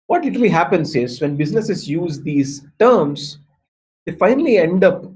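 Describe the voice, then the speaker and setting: A man's voice: a little high, a little mellow, rough recording. A man with an Indian accent giving an explanatory talk as a workshop mentor, emphatic and repetitive, often checking in with his listeners. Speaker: workshop speaker, design mentor. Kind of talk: explanatory talk answering questions.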